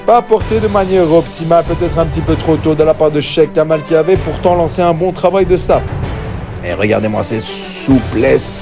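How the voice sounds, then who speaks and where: A man giving excited live wrestling play-by-play as a commentator, often shouting and repeating phrases for emphasis. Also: a little high, a little fast, few pauses. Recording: loud music and crowd behind voice. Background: loud music and crowd noise.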